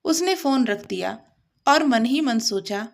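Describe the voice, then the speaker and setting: A woman narrating a scripted family story in a measured, dramatic way. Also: on the high side, lively intonation, creaky.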